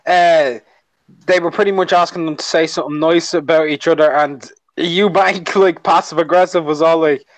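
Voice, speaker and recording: A man in casual chat about boxing, talking through a fight in a relaxed, analytical way. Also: on the high side, moderate pace.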